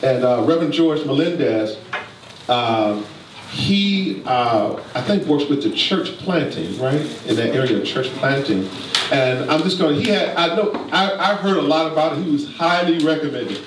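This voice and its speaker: A man leads a church leadership talk in a preacherly tone, prompting the congregation to respond. His voice sits slightly high and comes from a distance. The church room echoes around him, with noise throughout. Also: expressive. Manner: preacherly, slow emphatic asides, prompts the congregation. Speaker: pastor. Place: church sanctuary.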